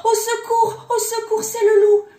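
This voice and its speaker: Brief: excitable tiny goat kids, high and shrill, voiced by a woman, roomy echo. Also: measured pace. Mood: panicked. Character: panicked little goat kids, young, shrill. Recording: echoey room.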